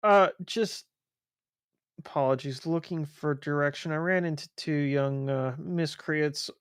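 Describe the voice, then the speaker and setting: A man taking part in a tabletop role-playing game, speaking politely and in a measured way, partly in character. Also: a little high, clean tone, no echo, studio quality. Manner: polite, measured, some fillers. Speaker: player.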